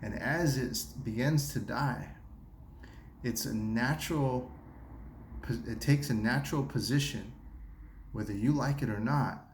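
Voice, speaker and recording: A man's voice: mid-range voice, measured pace, long pauses, reverberant, a little hiss or hum. A man giving earnest self-help advice to the camera, repeating himself and restarting phrases as he coaches viewers through pain. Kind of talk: earnest motivational talk to camera. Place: seated at a table.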